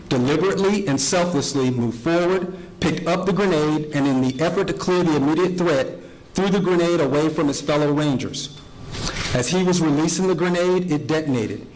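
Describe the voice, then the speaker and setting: An American man reads a formal military award citation aloud, crisp and measured, in set official phrases. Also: a little high, poor audio. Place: formal ceremony before an audience.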